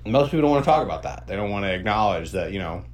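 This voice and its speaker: Talking very fast in a lowish, animated voice, this man hosts a podcast full of casual comedy. His speech is slangy, profane and opinionated, set against a clearly noisy, humming background.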